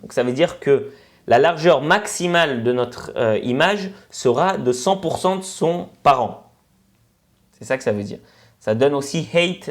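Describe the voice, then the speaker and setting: Senegalese French man teaching code. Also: mid-range voice. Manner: relaxed, explanatory, with frequent "ok" and "euh" fillers. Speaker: instructor. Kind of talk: screencast coding lesson.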